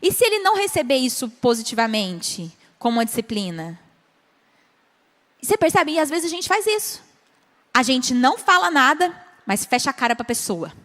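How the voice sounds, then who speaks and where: A Brazilian woman pastor teaching at a conference, animated, acting out short dialogues and asking the audience questions. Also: sits high. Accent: Brazilian Portuguese. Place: large conference hall. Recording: long hall reverb.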